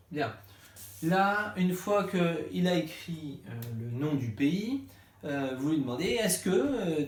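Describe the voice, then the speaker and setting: A man's voice: fairly high pitch, a little hiss or hum. A male primary school teacher explaining a reading lesson to parents step by step, patiently acting out the questions to ask the child. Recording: echoey room.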